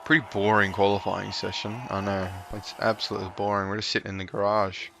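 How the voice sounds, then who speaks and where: A man's voice: on the low side, completely flat delivery, fast, gravelly, background noise. A man giving casual, joking commentary over a racing management game, cheering on his drivers. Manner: chatty, cheers on his drivers, jokey asides. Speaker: gaming YouTuber.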